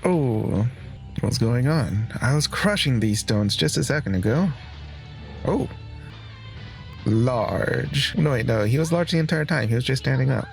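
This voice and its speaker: A man's voice: medium pitch, expressive, measured pace, creaky, faint music behind. A man giving joking, casual reaction commentary as an online video host. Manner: joking, wisecracking.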